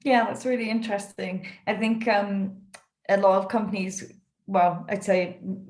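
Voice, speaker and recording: A woman's voice: medium pitch, a little mellow. A woman hosting an interview, asking her guest questions in a friendly, encouraging way. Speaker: host.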